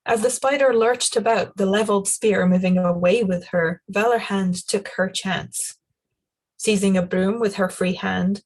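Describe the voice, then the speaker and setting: A woman reading a novel aloud in a calm, measured way. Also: medium pitch. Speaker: storyteller.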